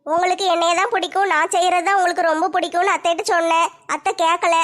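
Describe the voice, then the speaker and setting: A woman's voice: very high voice, little pitch movement, quick pace, a bit bright. A woman performing a chatty, teasing village comedy skit. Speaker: comedy sketch creator.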